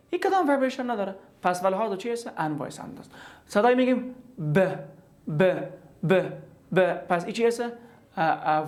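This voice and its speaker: Afghan Dari-accented man teaching pronunciation. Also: sits high. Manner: patient, repetitive, demonstrates sounds aloud. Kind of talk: explanatory online lesson.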